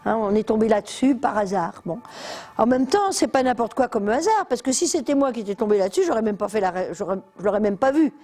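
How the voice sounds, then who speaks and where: An older woman giving a lively, chatty lecture to an audience in a lecture hall, with many fillers and asides. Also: a little high, quick pace.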